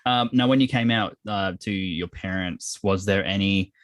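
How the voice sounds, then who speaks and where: A man's voice: low voice, normal speed, dry recording. A man hosting a casual podcast interview, chatty, with many fillers and frequent laughs. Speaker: podcast host.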